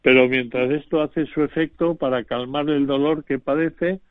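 A man's voice: fairly high pitch, steady tone, no room sound. Male doctor heard over the phone. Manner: measured, formal advice. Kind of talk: radio advice. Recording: dry narrow phone line.

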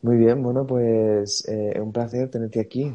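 A man's voice: medium pitch, steady tone, measured pace, dark tone, highs cut off. A man hosting a live online show, chatty and hesitant, often repeating words as he introduces his guest. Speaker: livestream host. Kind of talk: casual live interview hosting.

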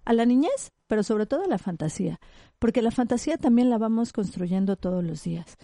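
The psychologist guest speaks a little fast in a slightly high voice, bringing her explanations to life by acting out quick examples in an animated, conversational interview. The audio is clean studio sound with no room sound.

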